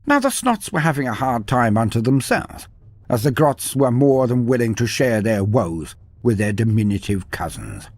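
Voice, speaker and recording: Here the narrator of fantasy war lore sounds very animated at a moderate pace, his medium-pitched voice a little mellow and free of any room sound. He tells the scripted tale dramatically, with wry grandeur and ornate, archaic wording.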